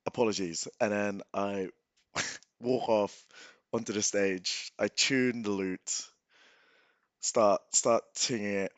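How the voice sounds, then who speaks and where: Player guy at a tabletop game, really slow and hesitant, dry close sound. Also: lowish voice, fairly even intonation, no echo.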